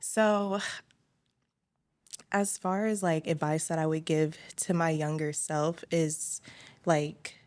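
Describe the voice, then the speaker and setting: A young woman with a low voice speaks in a thoughtful, measured way. She offers advice in a candid group conversation, pausing to gather her thoughts. Her tone is steady and sincere. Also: clear, resonant tone. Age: young adult. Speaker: college student guest.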